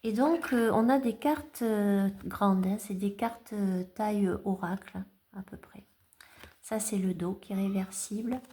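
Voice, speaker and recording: Speaking a little slowly in a warm, medium-pitched voice, a woman shows her tarot cards in a laid-back home vlog. She hesitates a lot, filling gaps and restarting her sentences as a tarot collector sharing her finds.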